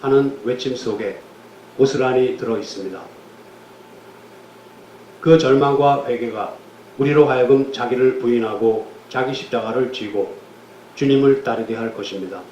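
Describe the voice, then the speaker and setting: A man preaching a sermon as pastor, measured and solemn, then leading a prayer. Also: mid-range voice, a little mellow, echoey room, dull audio, a little hiss or hum. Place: church sanctuary.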